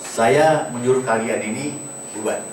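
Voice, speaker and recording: A man teaches acting students, explaining and demonstrating words in different tones. His voice rings around a hollow room and sounds some distance from the microphone. Steady noise hums underneath. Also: medium pitch, normal speed. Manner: instructive, demonstrates words with varied intonation. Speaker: acting workshop trainer. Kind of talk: lecture to a workshop. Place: large room at a workshop. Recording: echoey room recorded from a distance with background noise.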